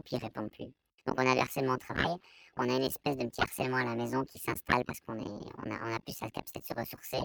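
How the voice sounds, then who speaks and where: A man with a Belgian French accent giving a hesitant, explanatory testimony, his voice artificially pitched down to disguise it. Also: gravelly, no echo, low-quality recording. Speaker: anonymous interviewee giving testimony. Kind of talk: personal testimony in an interview.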